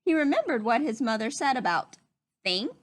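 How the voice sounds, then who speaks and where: A woman reads a children's storybook aloud expressively, adding simple explanations for her young listeners. Her voice sits high and her pace is moderate.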